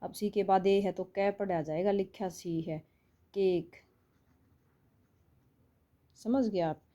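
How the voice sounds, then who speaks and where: A woman's voice: mid-range voice, fairly even intonation, slow pace, dark tone. A woman with an Indian accent teaching English phonics online, explaining patiently and repeating each sound.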